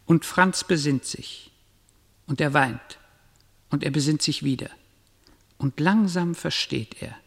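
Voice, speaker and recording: An actor playing the solemn narrator of a radio play, with a creaky voice. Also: male voice, fairly high pitch, takes it slowly, long pauses, exaggerated voice. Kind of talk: scripted dramatic narration. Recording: long echoing reverb.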